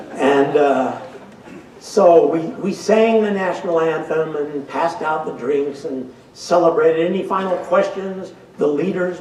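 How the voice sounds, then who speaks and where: A man's voice: medium pitch, a little mellow, slight background noise. Older man telling a story in a hall. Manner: folksy, self-mocking humor. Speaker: professor giving a talk. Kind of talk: storytelling lecture. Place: lecture hall. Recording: roomy hall, speaker distant from mic.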